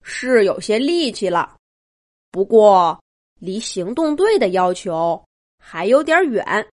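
A woman voicing a calm, caring adult male Doberman police chief in a children's story. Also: medium pitch, takes it slowly. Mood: steady.

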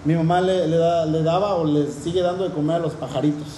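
Earnest male preacher, soft warm tone, sermon delivered in a reverberant hall with faint room hum. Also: fairly high pitch, steady tone, fairly quick. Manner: earnest, addresses congregation with rhetorical questions. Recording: roomy echoing hall.

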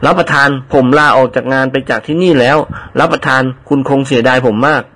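A man's voice: mid-range voice, a little fast, a bit bright. A man reading the part of a fawning, money-dreaming male servant, slipping a servile polite tic into every sentence. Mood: pleading. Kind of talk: audiobook character reading.

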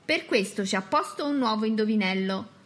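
A woman's voice: medium pitch, expressive, a little fast, a bit bright, lightly acted. A woman voicing a pair of joyful, teasing country parents in a children's audiobook. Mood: jovial. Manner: jovial, teasing. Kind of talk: audiobook character voice.

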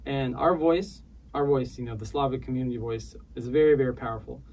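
A man from the former Soviet Union, a podcast guest, speaking earnestly and haltingly with many restarts. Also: medium pitch, a little mellow, recorded from a distance, a little hiss or hum, poor audio. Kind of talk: casual interview chat.

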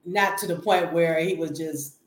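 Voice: medium pitch, fairly even intonation, normal speed. An interview host asking questions casually, rambling and restarting often. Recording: roomy, echoey sound.

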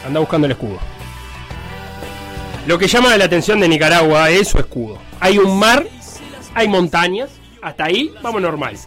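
A man's voice: sits high, normal speed, long pauses, faint music behind. A man with a Rioplatense Spanish accent, co-hosting a comedic sports talk show in a playful, jokey way. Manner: playful, jokey, animated storytelling. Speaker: co-host.

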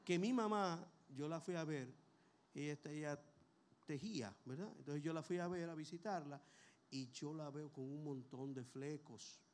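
A man's voice: fairly high pitch, moderate pace, a little mellow, slight background noise. A man preaches a sermon. He talks in a conversational, storytelling way, tossing rhetorical questions at the congregation.

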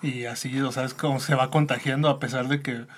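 A Mexican man in a casual podcast chat, telling a rambling story that trails off softly. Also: mid-range voice, fairly even intonation, fairly quick. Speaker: podcast co-host.

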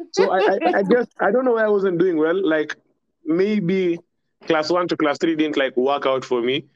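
On the high side and sing-song, this young man speaks unhurriedly with a Kenyan accent, recounting school memories as a podcast guest in loose, casual chat. He rambles, laughs a lot, and mixes in Swahili. The recording has no echo, but its highs are cut off.

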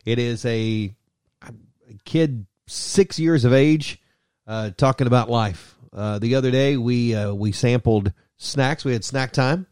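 A man's voice: mid-range voice, steady tone, unhurried, darkish tone, clear, resonant tone, dry recording. A man co-hosting a casual podcast chat, dropping dry, wry asides. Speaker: podcast co-host.

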